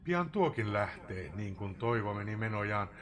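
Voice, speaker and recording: Male streamer reciting verse with theatrical swings from loud to whispered; low-set voice. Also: sing-song. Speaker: live streamer reading a poem. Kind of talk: dramatic poetry recitation.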